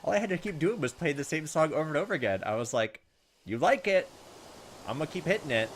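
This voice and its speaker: This time the host's voice is on the high side, fast and full of lively intonation, with a little hiss or hum in the audio. He keeps up his chatty commentary, reading the game's text out loud and reacting to it, as video game music plays in the background.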